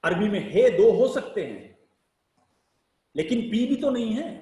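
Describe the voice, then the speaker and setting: High, lively man lecturing in an echoey room. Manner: slow deliberate explanation, spells out sounds letter by letter; rhetorical questions, emphatic rises and sinking ends. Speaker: public speaking teacher.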